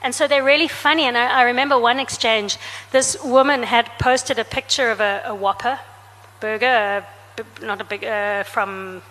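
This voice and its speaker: A woman's voice: steady tone, normal speed. A woman author reading from her comic novel to an audience, changing her voice for each character's lines. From South Africa. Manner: reads dialogue with shifts in pitch and loudness for each character. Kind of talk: book talk with a reading. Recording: reverberant hall.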